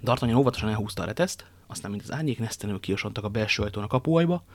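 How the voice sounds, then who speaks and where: A man's voice: fairly low pitch, animated, dry recording. A man reading a novel aloud as narrator, now and then stumbling and restarting. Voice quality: slips and restarts while reading. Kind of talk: audiobook reading.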